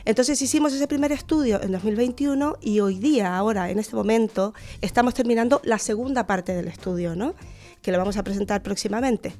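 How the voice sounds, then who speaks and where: A woman's voice: medium pitch, brisk, a little mellow, faint music behind. A woman from Chile with a Chilean accent, a guest researcher on a radio interview, speaking thoughtfully with fillers and restarts.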